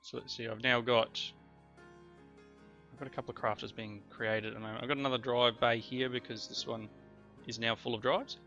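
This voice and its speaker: In brisk, flat, sharp-toned speech at a mid-range pitch, a man hosts a let's play while catching a cold. He rambles and keeps correcting himself in casual gameplay commentary, with faint background music and slightly dull lo-fi sound.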